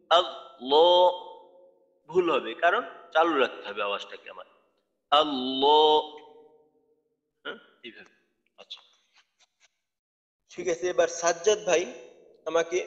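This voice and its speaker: A man's voice: a little high, a bit bright, big-room sound, muffled recording. Patient man teaching Quran recitation. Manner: patient, demonstrates sounds by repeating syllables slowly. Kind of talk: online tajweed lesson.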